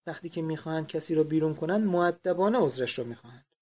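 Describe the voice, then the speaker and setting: A man's voice: on the high side, expressive, darkish tone, lightly acted. A man reading the part of a timid older lodger who protests with earnest politeness. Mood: prim. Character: timid older male lodger, suddenly gallant.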